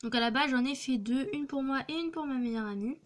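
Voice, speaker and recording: A woman's voice: high-pitched, a little fast. A young teenage girl casually presenting her clay crafts, hesitant with many fillers and restarts, recorded on a phone. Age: young teen. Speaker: craft vlogger. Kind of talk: casual show-and-tell narration.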